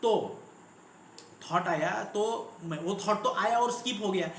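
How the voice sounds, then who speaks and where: A man's voice: high voice, slow pace. Storytelling male coach, echoey room. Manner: repetitive, storytelling, frequent fillers. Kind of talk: online class talk. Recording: echoey room, faint background hum.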